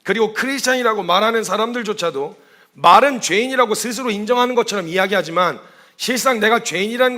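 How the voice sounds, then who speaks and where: Fast, bright-voiced male preacher. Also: high voice. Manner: animated, acts out quoted speech; storytelling, asks rhetorical questions. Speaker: missionary preacher. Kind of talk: sermon.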